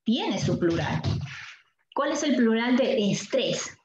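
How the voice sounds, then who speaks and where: A woman teacher with a Peruvian Spanish accent, giving a language lesson and asking the class questions, stretching out example words slowly. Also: on the high side, big pitch swings, over a noisy crowd. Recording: echoey room, dull sound, faint noise.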